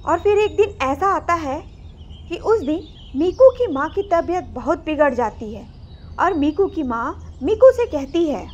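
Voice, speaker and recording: A woman narrating a children's moral story in a gentle, simple storytelling manner. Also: high-pitched, animated, a little slow. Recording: slightly muffled recording.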